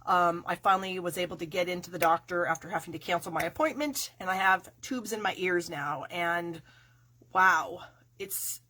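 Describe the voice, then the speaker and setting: A woman's voice: fairly low pitch, normal speed, sharp tone. A middle-aged woman with a nasal, stuffy voice from a cold chats with viewers in a casual, rambling way as the host of her own craft video. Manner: chatty and rambling, with many fillers. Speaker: stamping demonstrator hosting a live craft video.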